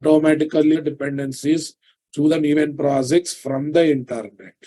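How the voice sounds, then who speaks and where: Lecturing indoors from his computer in a live online programming class, a middle-aged man with a Telugu Indian accent dictates notes, repeats phrases as he goes, and quizzes his listeners. His voice is fairly high, steady, and warm, at a normal speed.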